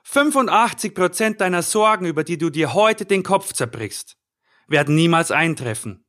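A middle-aged man with a fairly high voice delivers a scripted motivational podcast talk as a life coach. He speaks directly to the listener, earnest and encouraging. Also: expressive, moderate pace, a bit bright.

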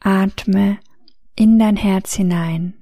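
A woman narrating a guided meditation in a soft, soothing, gentle voice with long pauses. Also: medium pitch, steady tone, no room sound, clean studio sound.

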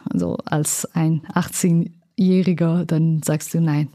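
A young woman from Afghanistan tells her story slowly and haltingly, with many pauses and fillers while she looks for the right word. Her voice is mellow and a little low for a woman. The recording is dry and close. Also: steady tone, dry recording. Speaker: interviewee. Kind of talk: personal life story interview.

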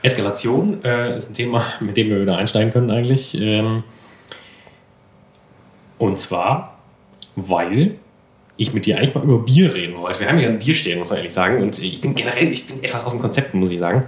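A man co-hosting a relaxed podcast from an apartment, talking in a rambling, self-deprecating way with plenty of fillers. His voice sits a little low. The room around him sounds echoey. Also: a little fast. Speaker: podcast co-host. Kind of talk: casual chat.

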